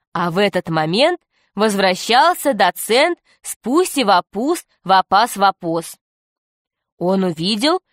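A woman narrating a children's story for an audiobook, telling it in a steady, clear way. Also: medium pitch, no echo, studio quality.

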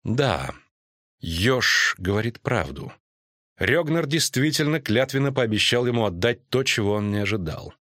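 A man reading an audiobook voices a proud, commanding queen with a measured, imperious delivery. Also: medium pitch, animated, fairly bright tone, no echo, clean studio sound, lightly acted. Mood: stern, imperious. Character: proud stern queen, middle-aged woman, commanding.

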